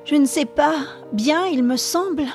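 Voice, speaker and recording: A woman's voice: high-pitched, measured pace, soft background music, voice pushed up. A woman voicing a dazed, unsure young boy asking questions. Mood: bewildered.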